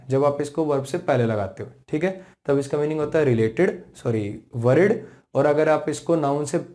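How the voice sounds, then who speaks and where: A man's voice: on the high side, mellow. A man with an Indian accent teaching English grammar, who explains patiently, repeats himself and keeps checking that his students follow. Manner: slows right down to spell out English example sentences. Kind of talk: classroom lesson.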